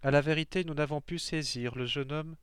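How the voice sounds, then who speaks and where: Two deceitful old judges testify against a woman, their words given in a storybook reading by a man. The delivery is measured and solemn. The voice is smooth and full, recorded close and dry. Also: fairly high pitch, steady tone, a bit bright, dry recording, close to an everyday voice. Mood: accusing.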